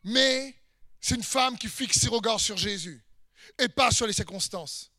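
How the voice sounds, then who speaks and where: A man with a very high, bright, ringing voice preaches an emphatic sermon. He hammers home repeated phrases, sometimes breaks into shouts, and asks the listener direct questions. The sound is dry and close. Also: measured pace, dry recording. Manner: speaks straight to the listener with questions.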